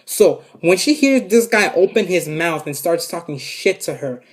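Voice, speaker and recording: A vlogger telling a story to a camera in a casual, rambling way, swearing often and filling pauses with "you know" and "like". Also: medium pitch, expressive, slightly rough. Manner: rambling, profane, many fillers. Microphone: camera set up in front of them.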